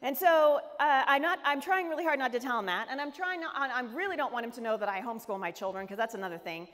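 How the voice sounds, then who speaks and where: A woman's voice: high-pitched, fast talker. A middle-aged American woman giving a humorous storytelling sermon, acting out the people in her story. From United States. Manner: animated, humorous storytelling with character voices. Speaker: speaker. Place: large event hall. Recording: echoey hall reverb.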